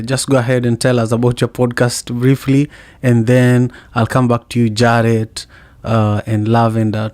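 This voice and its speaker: A man's voice: mid-range voice, darkish tone, no echo. A man hosting a live audio room, graciously thanking his guests and passing the floor. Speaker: podcast host.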